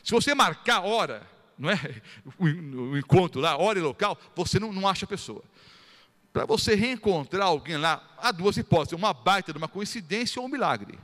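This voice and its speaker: Lively pastor in a reverberant hall. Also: male voice, sits high, a little fast. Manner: animated storytelling, acts out quoted voices. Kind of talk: sermon with testimony.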